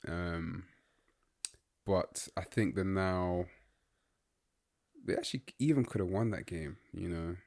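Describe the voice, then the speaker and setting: Picture a young man in his twenties, slightly low-pitched, talking football with his co-host in a loose, easygoing way. He rambles through his opinions and fills the gaps with "like" and "um" as he thinks out loud. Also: slow pace, creaky, long pauses. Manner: relaxed, rambling, filler-heavy opinions. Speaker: podcast co-host. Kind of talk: casual football chat.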